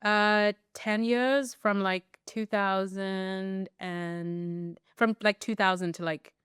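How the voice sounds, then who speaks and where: A young woman from South Africa co-hosting a podcast, rambling in a relaxed way with many fillers. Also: mid-range voice, slow pace, clear, resonant tone, no room sound, studio quality. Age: young adult. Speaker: podcast co-host. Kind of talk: casual chat.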